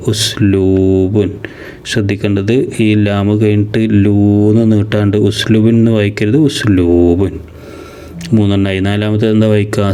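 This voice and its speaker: Man, Malayali accent, patient teacher, low mellow voice, drawn-out word reading. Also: clear, resonant tone. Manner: patient, drawn-out slow reading of each word, then quick explanation. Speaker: madrasa teacher. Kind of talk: exam preparation lesson.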